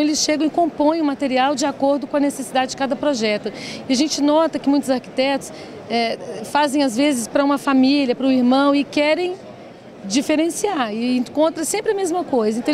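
In a promotional interview at an open stand in a large indoor exhibition hall, a Brazilian company director in her forties explains her design work. Her voice is high-pitched, fairly quick and a little mellow, caught on the interviewer's handheld reporter mic with a faint hiss or hum and busy trade fair chatter behind her.

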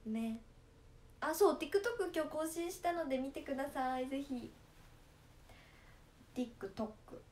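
A woman's voice: high voice, slow pace, long pauses, darkish tone. A young woman from Nagasaki speaking in Nagasaki dialect, chatting playfully with viewers on a casual livestream and laughing often. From Japan, Nagasaki. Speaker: idol livestreamer.

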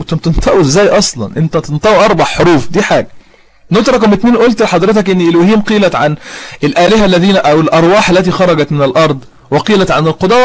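A young man with an Egyptian accent, arguing as host of an online religious debate and reading quotations aloud. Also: high voice. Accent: Egyptian Arabic. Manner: fast, argumentative, reads quotations aloud.

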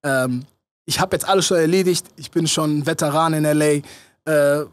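A young man, a choreographer and show director, telling a story as a podcast guest with lively energy, acting out quoted lines and mixing in English phrases. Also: on the high side, moderate pace. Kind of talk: animated anecdote-telling in casual chat.

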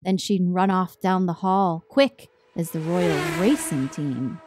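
A woman reading a children's picture book aloud in an expressive, sing-song way. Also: fairly low pitch, background noise. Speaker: storyteller.

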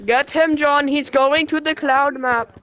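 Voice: high voice, fairly even intonation, a little slow, a bit bright, lo-fi sound, a little hiss or hum. A live streamer in casual gaming chat with friends, joking around, laughing often and calling everyone "brother.".

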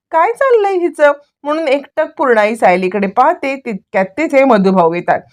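A woman recapping the latest episode of a TV serial, narrating steadily and explaining each scene. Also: a little high.

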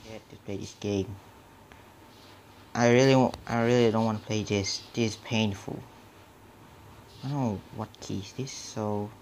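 A man's voice: fairly low pitch, steady tone, moderate pace, pauses often, a little mellow, a little hiss or hum. A man playing a horror game and commenting on it, jumpy and nervous, often dropping to a whisper and muttering mild curses to himself. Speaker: gamer. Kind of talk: horror let's play commentary.

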